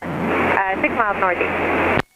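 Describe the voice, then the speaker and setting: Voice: medium pitch, takes it slowly. A pilot gives clipped, procedural calls over the radio. The transmission is swamped by heavy noise. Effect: aircraft radio transmission. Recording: very noisy aircraft radio audio.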